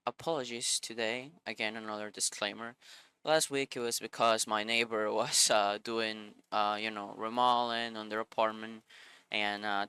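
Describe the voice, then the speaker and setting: A Bible video host, sniffly, with a bright, crisp voice on the low side, reads scripture and then reflects on it casually in an earnest, loose way, often pausing to find the right words. The recording is close and dry, with no room around it.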